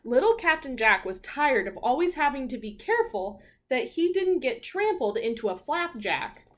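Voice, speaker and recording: This is a primary school teacher, a woman with a high voice, reading a picture book aloud to kids. She sounds expressive and instructive and keeps pausing to quiz the class.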